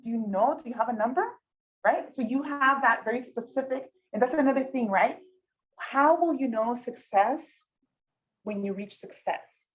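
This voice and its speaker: Speaking at fairly high pitch and normal speed, the Spanish-native facilitator leads a community workshop over poor audio. The session is interactive, held in a meeting room with some attendees online, and she keeps it chatty with frequent check-ins.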